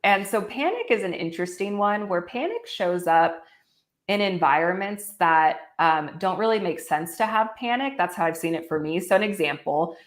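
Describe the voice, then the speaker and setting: A woman's voice: fairly low pitch, expressive, moderate pace. A woman co-hosting a casual podcast discussion, reflective and full of "like" and "um" fillers. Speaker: podcast co-host.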